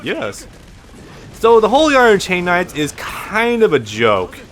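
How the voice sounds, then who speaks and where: A man's voice: high voice, wildly swooping pitch, measured pace, fairly bright tone, a little hiss or hum. A man with a lisp giving casual, rambling gameplay commentary as a let's play host, swearing freely and restarting his sentences often. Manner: rambling, profane, frequent restarts.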